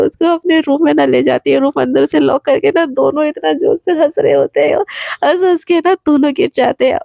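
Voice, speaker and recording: A woman's voice: high voice, vocal fry, a little mellow, dry recording, studio quality. A woman narrating a romance story in a chatty, gushing, casual way, with many fillers.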